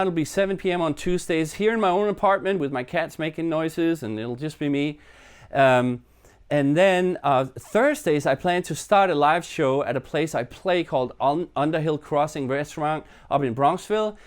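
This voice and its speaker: A man's voice: on the high side, moderate pace, clear, resonant tone. A man from Denmark, casually chatting to viewers on his live stream from his apartment, rambling and joking at himself. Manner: chatty, rambling, self-deprecating. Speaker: live stream host and musician.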